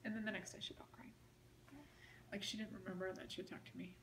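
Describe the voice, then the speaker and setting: A woman talks through a long personal story in an interview, casual and meandering, padding her sentences with "like" and "you know." Her voice sits at an ordinary pitch and carries a roomy echo. A faint hiss of noise sits under the recording. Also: flat delivery, fast. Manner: rambling, frequent "like" and "you know".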